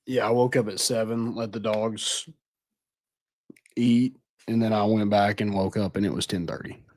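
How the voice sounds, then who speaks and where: Low-voiced man telling stories animatedly. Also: little pitch movement, normal speed, darkish tone, no echo. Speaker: podcast co-host. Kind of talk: casual sports chat.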